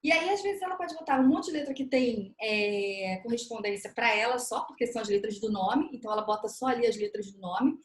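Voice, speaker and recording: High-voiced Brazilian woman explaining, echoey. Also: fairly quick, few pauses. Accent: Brazilian Portuguese. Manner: animated, acts out parents' reactions. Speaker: educator guest on a panel. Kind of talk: explanatory panel discussion. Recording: echoey room sound.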